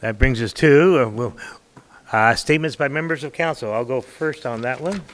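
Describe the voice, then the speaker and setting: Folksy, joking mayor chairing a meeting. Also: male voice, mid-range voice, normal speed, a little hiss or hum. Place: council chamber.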